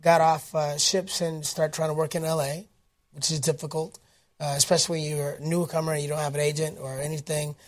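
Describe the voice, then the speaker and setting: An animated man from Detroit, speaking as a guest in a relaxed interview. His voice sits fairly high for a man. He talks in an upbeat way, with plenty of fillers and restarts. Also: fairly quick. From Detroit, United States. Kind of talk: casual interview storytelling.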